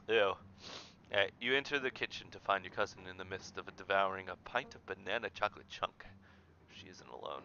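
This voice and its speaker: A goofy man narrating a video game playthrough, reading the game text aloud and joking to his viewers. His voice is bright and very animated. The recording is dull and lo-fi, with faint game music underneath. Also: on the low side, slight background noise. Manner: goofy, jokey, talks to chat. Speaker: gaming channel host.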